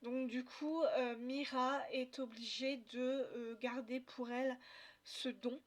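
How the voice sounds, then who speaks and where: A woman's voice: sits high, fairly even intonation, slow. A woman chatting casually about books she bought, hesitant with many fillers and restarts. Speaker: book vlogger. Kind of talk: casual book haul chat.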